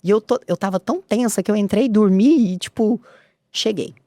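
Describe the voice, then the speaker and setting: A woman's voice: moderate pace, mellow, no echo, studio quality. A woman, a podcast guest telling a personal story and acting out the dialogue. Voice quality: low voice. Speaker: interview guest.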